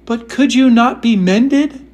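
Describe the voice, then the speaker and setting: A man's voice: very high-pitched, takes it slowly, a little mellow, voice pushed up, full character voice. A man doing an earnest polite young girl.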